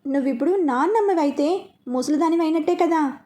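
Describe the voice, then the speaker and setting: Woman as storybook grandmother, older matriarch, authoritative, high and mellow. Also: brisk, natural voice. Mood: joyful. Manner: authoritative, gives orders.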